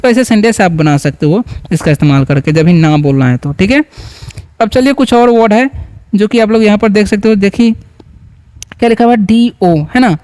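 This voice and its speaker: A man's voice: sits high, expressive, normal speed, a little mellow. A man from India teaching beginners to read English, patient and repetitive, often quizzing the viewer. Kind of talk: spoken lesson.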